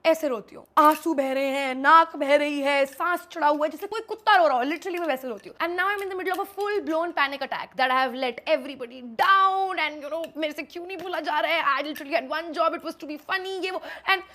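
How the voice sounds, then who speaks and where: A young woman from India, an influencer, telling a casual storytime in quick Hindi mixed with English, animated and self-mocking. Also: high voice.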